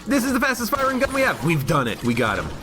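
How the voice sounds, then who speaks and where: Guy streaming a game, rambly and jokey, pitch bouncing all over, game music behind. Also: wildly swooping pitch, fast, pushed and bright. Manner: rambling, jokey, reads chat aloud. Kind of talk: casual gameplay commentary.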